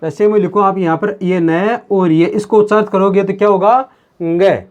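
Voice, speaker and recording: A man teaching a grammar lesson on video. He talks slowly and repeats himself, calls the viewers his friends, and asks questions that he then answers himself. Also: sits high, fairly even intonation, darkish tone, highs cut off. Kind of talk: video lesson explaining at a board.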